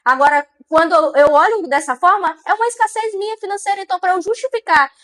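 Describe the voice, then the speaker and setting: A woman's voice: very high voice, fast talker, fairly bright tone. A woman giving a motivational monologue on mindset, repeating phrases and asking the listener rhetorical questions. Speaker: mindset speaker.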